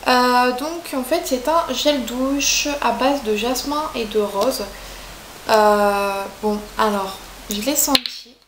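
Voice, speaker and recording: A young woman with a fairly high voice talks through beauty products in a loose, chatty review, often stopping on fillers. Her voice bounces around an echoey room, with a faint hiss underneath. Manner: chatty, hesitant, many fillers. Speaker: beauty vlogger.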